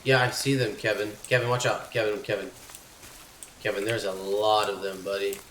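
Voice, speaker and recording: A gaming streamer with a low-ish, level, slightly bright voice speaks at a moderate pace while commentating live play. He talks with his in-game companion and yelps and swears at jump scares, and the distant, off-mic recording is noisy and echoey.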